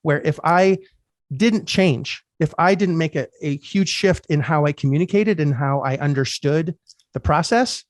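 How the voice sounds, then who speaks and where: A man's voice: fairly high pitch, a little slow, no room sound, studio quality. Canadian man, candid podcast host. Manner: candid storytelling, swears casually. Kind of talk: casual podcast chat.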